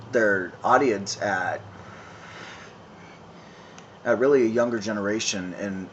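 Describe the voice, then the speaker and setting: Halting thirty-something man vlogging by phone. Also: fairly low pitch, muffled recording. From San Francisco, California. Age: 30s. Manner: halting, many ums and restarts, conversational. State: smoking while talking. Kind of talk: casual rambling monologue. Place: outdoors in town, evening. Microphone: phone camera. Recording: phone video with clear background noise.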